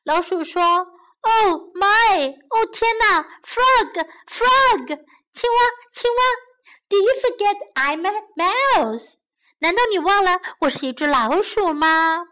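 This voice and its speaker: A woman's voice: high voice, big pitch swings, takes it slowly, a bit bright, exaggerated voice. A woman voicing a timid small mouse that pleads anxiously in a children's storybook. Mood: worried pleading. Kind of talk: bilingual children's storybook reading.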